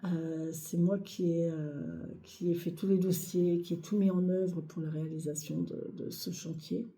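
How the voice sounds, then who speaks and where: A woman's voice: on the low side, fairly even intonation, measured pace, dark tone. A woman giving a weekly tarot reading to camera, speaking to viewers in a reassuring way and hesitating often with fillers and repeated phrases. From France. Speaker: tarot reader.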